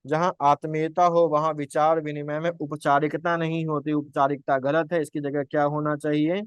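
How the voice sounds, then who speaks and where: A young man teaches Hindi grammar for an exam, posing questions, answering them himself, and repeating his points again and again. His voice is a little high with a level tone at normal speed, clean and dry in the recording.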